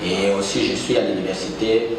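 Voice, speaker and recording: A man's voice: fairly low pitch, steady tone, brisk. A man, a university economics lecturer, giving formal, explanatory interview answers. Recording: echoey room, far from the mic, noisy.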